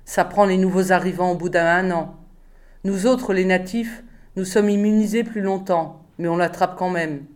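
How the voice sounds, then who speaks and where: A woman reading aloud voices a gruff, grumbling middle-aged father who works on a volcano planet, in a storybook reading. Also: on the low side, steady tone, normal speed, a little mellow, natural voice. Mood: low, grim.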